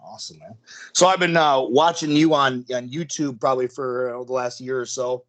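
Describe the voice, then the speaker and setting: A man hosting a podcast, chatting casually and interviewing his guest with many pauses and restarts. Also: medium pitch, a bit bright. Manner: hesitant, many fillers. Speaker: podcast host.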